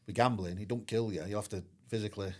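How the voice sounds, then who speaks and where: A man's voice: on the low side, steady tone, fast talker, a little mellow. A middle-aged former footballer, telling his story in a candid, rambling way. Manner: candid, rambling, frequent "I says" and "like". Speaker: guest, former professional footballer. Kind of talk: casual storytelling interview.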